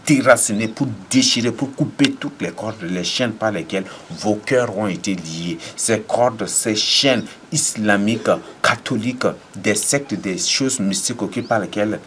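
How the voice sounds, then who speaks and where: Male preacher, low register, emphatic deliverance sermon with a faint ambient hiss. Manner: commanding, repetitive declarations with sudden emphatic rises.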